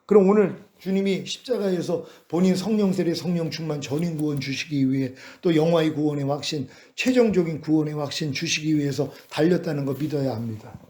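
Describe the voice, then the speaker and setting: A male pastor preaching a sermon, acting out lively dialogue to illustrate his points. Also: fairly high pitch, brisk, few pauses. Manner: animated preaching with acted-out dialogue.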